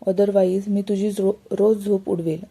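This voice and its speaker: A woman's voice: mid-range voice, little pitch movement, takes it slowly, warm tone, husky. A woman reading the lines of a shy young woman who speaks hesitantly and stumbles over her words. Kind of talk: storybook reading.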